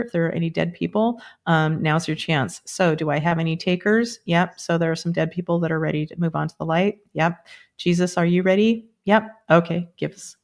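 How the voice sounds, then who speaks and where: An energy work host of about sixty, whose lowish voice is creaky and a little mellow, talks casually on her live stream. She then guides the group through an energy meditation punctuated by fast yes-or-no pendulum checks.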